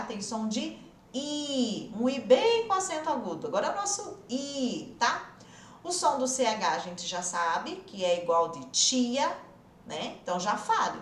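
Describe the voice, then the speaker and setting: A woman teaching English pronunciation online, coaxing and lively, repeating words slowly for learners to practice. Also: on the high side, reverberant, a little hiss or hum.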